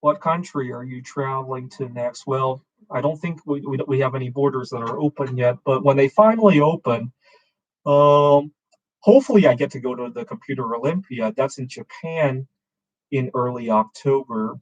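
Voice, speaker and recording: A man's voice: medium pitch, normal speed, muffled recording. A man in his forties hosting a casual open-camera chat, rambling with many fillers and restarts. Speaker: show host.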